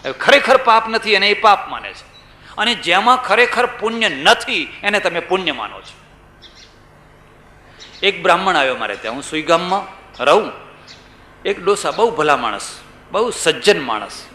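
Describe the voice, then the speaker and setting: A man's voice: high voice, big pitch swings, normal speed, long pauses, bright, forceful tone, slight background noise. A man giving a religious discourse, telling stories and asking rhetorical questions. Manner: storytelling, rhetorical questions, acts out quoted people. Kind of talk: sermon. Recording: echoey room.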